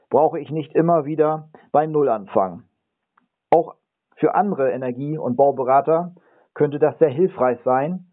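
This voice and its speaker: A middle-aged man, an energy and building consultant, introducing his own channel in an earnest, explanatory way, counting off his points and now and then correcting a slip. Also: mid-range voice. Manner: occasional slips and self-corrections. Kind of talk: self-recorded channel introduction. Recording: narrow, phone-like audio.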